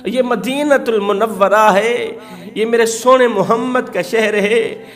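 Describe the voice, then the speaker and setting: A man's voice: very high-pitched, a bit bright, faint music behind, voice pushed up. A man preaching voices a humble ruler who speaks solemnly to a poor man, repeating his lines with rising emphasis.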